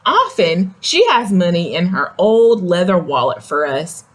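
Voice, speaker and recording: Unhurried and very animated, a woman with a fairly low voice reads a picture book aloud for young children. Her expressive reading includes simple questions and asides that explain things.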